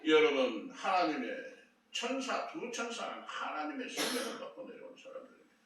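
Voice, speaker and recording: A man preaching a sermon as a pastor, telling the story with lively acted-out dialogue. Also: sits high, moderate pace. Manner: animated storytelling, acting out dialogue. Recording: echoey room, from far off, faint noise.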